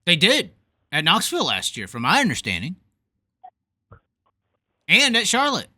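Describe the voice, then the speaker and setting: A man hosts a sprint car racing call-in podcast, talking in casual, opinionated chat with an animated, fired-up, emphatic manner and a tendency to repeat himself. His voice is high and his pace measured.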